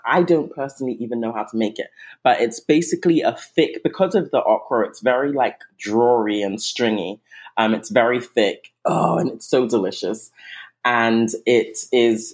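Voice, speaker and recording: A woman raised in England, a guest eating coach, talking in a chatty, warm podcast conversation with frequent ums and restarts. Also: extremely low pitch. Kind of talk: casual podcast chat.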